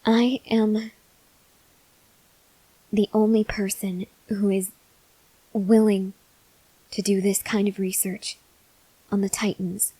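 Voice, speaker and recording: In an ASMR roleplay, a voice actor plays a weak, starving female vampire researcher, weary, earnest and gently pleading, delivering an acted monologue to the listener. Faint with hunger and feeling weary and desperate, she speaks softly, slowly and haltingly with long pauses, often dropping to a whisper. Her medium-pitched voice is flat and slightly rough, in poor audio with no echo.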